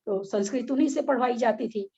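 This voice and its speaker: A woman's voice: fairly high pitch, fairly quick, vocal fry, darkish tone, breathy edge, lo-fi sound. Woman teacher with a strained voice. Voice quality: strained, weakened voice. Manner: scolding, talks with effort. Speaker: religious study group teacher. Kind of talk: online scripture study class. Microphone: video call.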